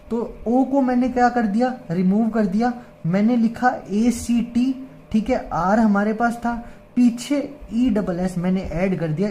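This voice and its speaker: A woman's voice: medium pitch, dark tone, slight background noise. A woman teaching grammar in Hindi, patient, often checking in with her listeners. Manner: patient, repeats "ठीक है" and "है ना" often; reads English lines slowly, word by word. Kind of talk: explaining an English grammar lesson in Hindi.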